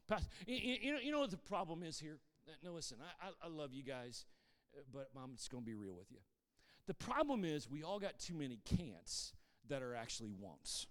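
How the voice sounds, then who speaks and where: A man preaching a sermon as pastor, animated, swinging between loud emphatic bursts and quieter, fast asides to the congregation. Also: a little high, big-room sound.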